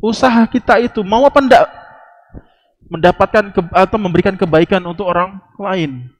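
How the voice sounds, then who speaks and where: A man with a fairly high voice teaches a study circle in an easy, conversational manner. He repeats key phrases to drive them home and slips into brief acted-out dialogues. He keeps the tone of an informal lesson. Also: moderate pace. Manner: acts out short quoted exchanges. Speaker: religious teacher. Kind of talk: mosque study lecture.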